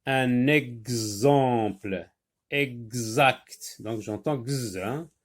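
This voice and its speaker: Very slow-paced male reading teacher. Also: mid-range voice. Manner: slow, deliberate, repeats and stresses each sound. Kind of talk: French phonics lesson.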